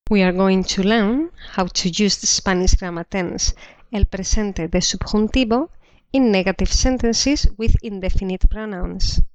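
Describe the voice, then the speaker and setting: Slow, careful woman teaching a lesson. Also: mid-range voice, smooth, no room sound. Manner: slow, careful, repeats example sentences twice. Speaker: Spanish teacher. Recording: dull dry lo-fi recording.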